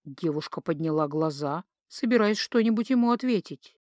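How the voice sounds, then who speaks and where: A woman narrating an audiobook in an expressive storytelling manner on a close studio mic. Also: on the low side, normal speed, no echo. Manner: expressive, lively storytelling intonation. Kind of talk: scripted narration.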